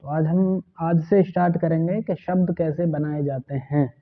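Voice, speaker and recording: An Urdu teacher gives an online language lesson in a fairly high, steady voice at a moderate pace, patiently spelling out letters and their sounds. The audio sounds tinny, like a phone.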